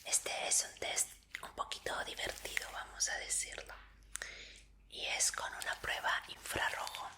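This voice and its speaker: In an unhurried, breathy whisper, a woman performs an ASMR medical roleplay as an examiner, keeping her tone polite and reassuring.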